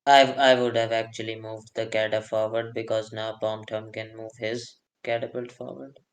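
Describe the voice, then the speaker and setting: A man giving live commentary on a strategy game, reacting quickly and second-guessing the moves. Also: on the low side, flat delivery. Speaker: esports commentator.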